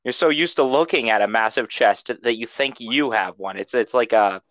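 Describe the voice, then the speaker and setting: A man's voice: mid-range voice, moderate pace, fairly bright tone, dry recording, low-quality recording. Male podcast co-host, loose rambly delivery with frequent stumbles and laughs, dry close sound. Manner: rambling, laughs often, stumbles over words. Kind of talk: casual banter.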